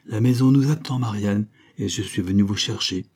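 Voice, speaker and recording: A man reading aloud voices a gentle, earnest young man who speaks calmly and steadily. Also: on the low side, moderate pace, husky. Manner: calm, gentle delivery.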